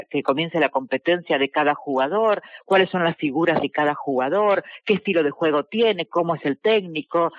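A woman's voice: low-pitched, no room sound. A woman with an Argentine accent, a football commentator answering interview questions in a confident, reflective way. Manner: confident, reflective, frequent "este" fillers. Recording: dull lo-fi dry sound.

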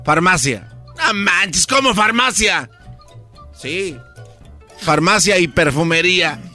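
Bright teasing co-host man. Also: high-pitched, animated, slow, faint music behind. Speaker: radio show co-host. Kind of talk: joke-telling banter.

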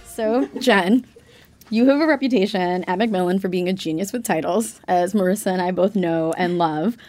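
A woman co-hosting a podcast in casual chat, lively and playful. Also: lowish voice, moderate pace, soft background music. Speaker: podcast co-host.

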